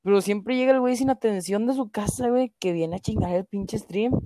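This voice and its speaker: A woman's voice: mid-range voice, a little fast, background noise. A young woman with a Mexican accent, chatting casually on a stream, full of slang and swearing. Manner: slangy, swears a lot, peppers speech with filler words. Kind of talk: casual profane stream chat.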